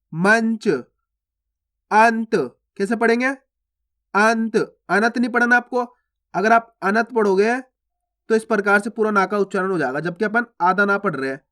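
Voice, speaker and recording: A man with a fairly high voice leads a step-by-step reading lesson. He poses each word as a question, then says it again slowly and clearly, speaking to viewers as friends. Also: fairly bright tone. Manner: repeats each word slowly after asking how to read it; addresses viewers as friends, patient explaining. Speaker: Hindi reading teacher.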